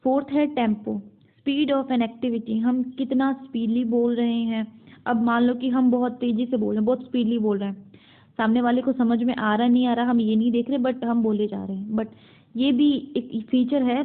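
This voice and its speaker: A woman's voice: on the high side, steady tone, normal speed. A woman teacher with an Indian accent explaining a university English syllabus topic, often restating her points and mixing in English terms. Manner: explains in Hindi mixed with English terms, repeating and rephrasing. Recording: phone-like narrow sound.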